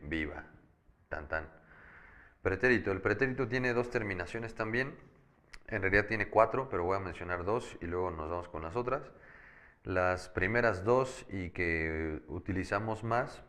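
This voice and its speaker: Give me a man with a deep voice, patiently explaining verb endings in a lecture. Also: fairly bright tone. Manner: patient, explanatory, slows down to spell out conjugations. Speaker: Spanish teacher. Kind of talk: grammar lecture.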